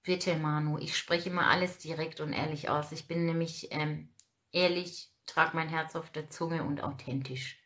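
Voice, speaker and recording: A woman's voice: sits low, steady tone, moderate pace, a bit bright. A woman in her forties hosting a casual livestream, outspoken and ranting while reading out viewer comments. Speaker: livestream host.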